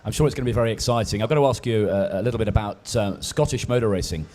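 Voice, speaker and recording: Brisk, low-voiced male interviewer. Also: darkish tone. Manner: brisk, chatty, stumbling on restarts. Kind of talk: on-stage interview questions.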